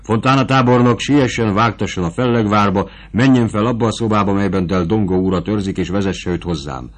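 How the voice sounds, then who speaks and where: A man's voice: on the low side, natural voice. A man reading the part of a passionate, anxious young prince in an audiobook, in an earnest, pleading manner.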